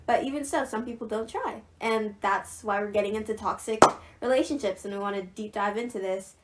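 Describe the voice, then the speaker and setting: A woman's voice: mid-range voice, fairly quick, very noisy. A teenage girl co-hosting a podcast, chatting casually with lots of fillers and frequent laughter. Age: teens. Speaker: podcast co-host.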